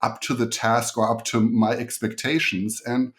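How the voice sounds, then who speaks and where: A man's voice: mid-range voice, little pitch movement, moderate pace, a bit bright. A middle-aged man with a German accent, giving conversational answers as an interview guest. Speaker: podcast guest, engineer and investor.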